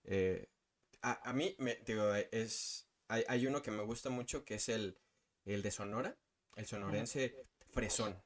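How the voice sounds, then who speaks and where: Low-voiced man. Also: unhurried. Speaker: podcast co-host. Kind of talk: casual chat.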